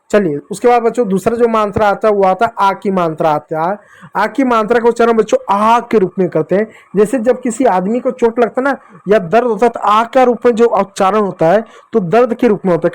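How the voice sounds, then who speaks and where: A man teaching basic Hindi letters to children, patient and repetitive, sounding out each syllable slowly. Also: high-pitched. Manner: addresses listeners as children. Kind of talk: classroom lesson for children.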